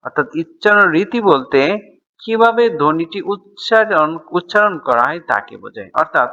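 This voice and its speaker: A man's voice: on the high side, bright, forceful tone, muffled recording. A man teaching a school grammar lesson, explaining step by step and answering his own questions.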